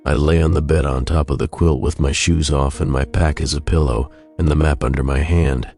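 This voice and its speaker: A man narrating a scripted first-person horror story in a measured, somber creepypasta manner. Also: rumbling low, warm tone.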